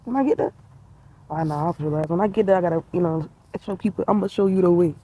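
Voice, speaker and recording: Sitting in a tree outside, a young woman vlogger in her twenties muses casually about spiritual things in slangy speech and laughs often. Her voice is on the low side, mellow and breathy-edged, she talks fast, and the recording is rough.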